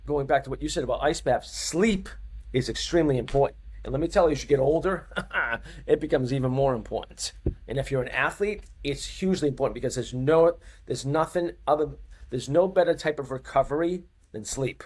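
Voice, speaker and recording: Brisk and a little mellow, with a breathy edge, this man's voice sits at medium pitch. He's a Boston-accented fitness coach in his fifties chatting casually on a podcast, and he repeats phrases to make his points land.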